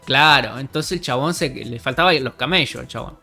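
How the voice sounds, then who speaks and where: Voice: mid-range voice, normal speed, creaky, sharp tone, faint music behind. A storyteller with a Rioplatense accent retelling a tale in a casual, joking, slangy way. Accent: Rioplatense Spanish. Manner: slangy, joking, with frequent restarts and laughter.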